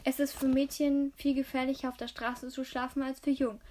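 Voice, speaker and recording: A woman's voice: high-pitched, level tone, a little fast, a little mellow, a little hiss or hum, natural voice. A woman reading aloud and voicing a tough, stubborn teenage girl who answers back defiantly. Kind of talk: amateur audiobook reading.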